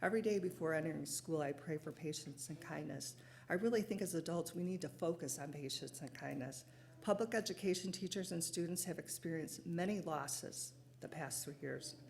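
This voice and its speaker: A woman's voice: low voice, brisk, gravelly, darkish tone. Earnest woman teacher reading a statement. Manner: earnest, read-from-notes delivery. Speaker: teacher and school board candidate. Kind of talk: prepared closing statement at a candidate forum. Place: city hall auditorium.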